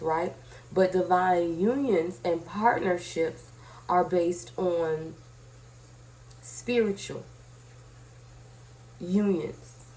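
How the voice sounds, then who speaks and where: Her voice is lowish and slightly mellow, roughened a little by a cold she's fighting. As a tarot reader running her own channel, she keeps the reading conversational, speaking directly to the audience and tossing in quick tag questions.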